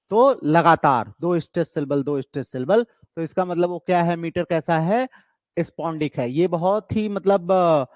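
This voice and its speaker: A man's voice: sits high, dry recording. A man with an Indian accent teaching an online exam-prep literature lecture, explaining step by step, asking and answering his own questions and chanting stress patterns aloud.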